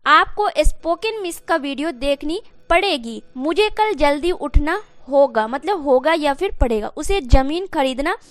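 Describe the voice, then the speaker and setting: A woman teaching an English grammar lesson step by step, often calling her viewers guys and slowly dictating example sentences. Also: high-pitched, expressive, no room sound.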